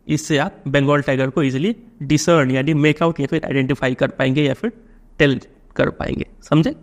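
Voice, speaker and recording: An Indian man teaching a poem line by line to his students. His voice sits a little high, and he talks patiently, stopping often to check that they follow.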